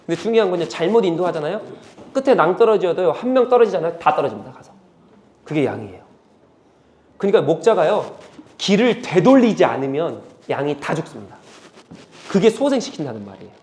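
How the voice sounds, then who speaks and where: A male pastor preaching a sermon, moving between quiet, earnest stretches and loud, impassioned climaxes. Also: a little high, very animated, fast talker.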